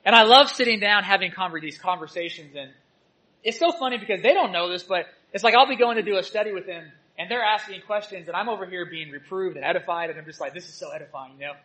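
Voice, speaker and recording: A male church teacher preaches quickly in a high-sitting voice, sharing personal stories and shifting between loud exhortation and soft asides. The recording is rough.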